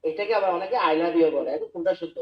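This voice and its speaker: A man's voice: high-pitched, fast. A man asking his teacher a question in an online class, hesitant and repeating himself. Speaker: student. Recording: distant dull call audio.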